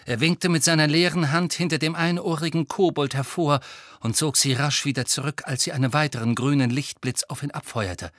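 A man narrating a fantasy audiobook in a slow, lively storytelling manner. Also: fairly high pitch, no room sound, studio quality. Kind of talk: scripted narration.

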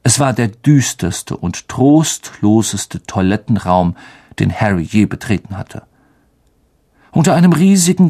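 Slow, lively audiobook narrator. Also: mid-range voice, creaky. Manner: slow, expressive storytelling.

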